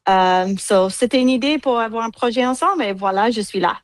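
On a dry recording, a woman with a voice on the high side speaks fairly quickly. She is an American cellist with an English accent, a guest answering interview questions in French, hesitating with plenty of fillers and sliding into English.

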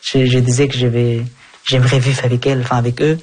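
A young man from Afghanistan giving a calm personal account in an interview, speaking carefully and correcting himself as he goes. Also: medium pitch, fast. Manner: careful speech with self-corrections and fillers.

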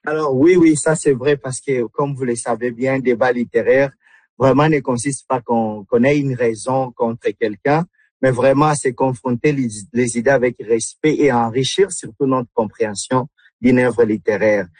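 A man's voice: mid-range voice, steady tone, moderate pace, darkish tone, breathy edge, no room sound. A man from the Democratic Republic of the Congo, a guest in an interview, speaking earnestly with many hesitations and repeated words. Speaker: guest, literary club member. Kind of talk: radio interview.

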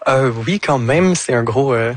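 A man's voice: mid-range voice, measured pace. A 21-year-old man with a Québécois accent, a guest on a radio show, talking hesitantly with many fillers. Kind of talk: radio interview. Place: radio studio.

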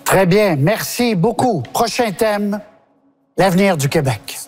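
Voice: medium pitch, animated, slow, a little mellow, husky, soft background music. A debate moderator who keeps time and calls on each speaker. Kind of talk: televised political debate.

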